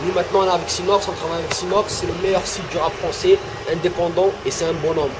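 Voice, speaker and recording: A man's voice: high-pitched, fairly even intonation, fast, background noise. A male rapper talking bluntly and with swearing in a casual interview, then rapping a freestyle. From Algeria.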